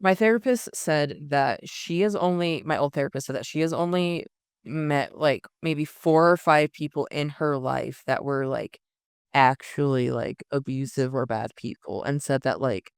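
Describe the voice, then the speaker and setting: A woman's voice: low-pitched, moderate pace, smooth, dry recording, studio quality. A young woman from Utah chatting on a podcast, blunt and joking, swearing casually. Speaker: podcast co-host. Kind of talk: casual chat.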